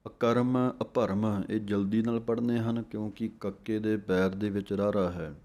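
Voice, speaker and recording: A middle-aged man with a Punjabi accent teaching recitation, spelling out letters and repeating each word slowly and deliberately. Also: fairly low pitch, level tone, dark tone. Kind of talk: slow step-by-step pronunciation lesson.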